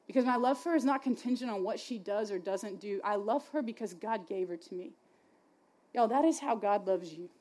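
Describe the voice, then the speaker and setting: A woman's voice: mid-range voice, brisk, mellow. A young adult woman giving a passionate, conversational sermon to a youth gathering, chatty and full of "like" and "y'all". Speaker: speaker at a youth faith gathering.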